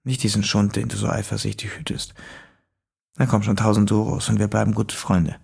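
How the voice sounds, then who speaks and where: A man voicing a sinister, soft-spoken stranger who talks in a husky, coaxing half-whisper. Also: on the low side, flat delivery, fairly quick, full character voice. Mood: menacing hush.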